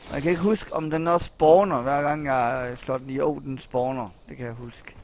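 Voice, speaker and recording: A Danish-accented man commenting on his own gameplay, muttering anxiously to himself and now and then breaking into loud yelling. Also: on the high side, steady tone, a little hiss or hum. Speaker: gaming channel host.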